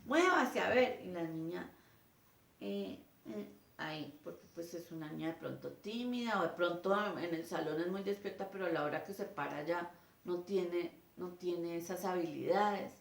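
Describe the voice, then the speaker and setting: A woman teacher with a lowish, gravelly voice speaks at normal speed, giving a lecture in an echoey room. She animatedly acts out classroom scenes, switching voices between the teacher and her pupils.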